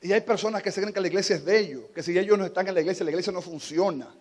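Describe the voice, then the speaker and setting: A high-voiced man with a Dominican Spanish accent preaches a sermon. He talks low and steady while teaching, then climbs into fervent, shouted exhortation. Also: rapid-fire, long reverb tail. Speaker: pastor.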